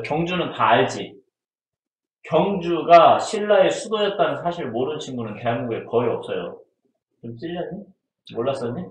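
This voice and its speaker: Guy teaching history for a test, chatty, keeps asking stuff then answering it, kinda echoey room. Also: mid-range voice. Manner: chatty, asks students questions and answers them himself. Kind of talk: casual exam-prep lecture. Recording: roomy echo.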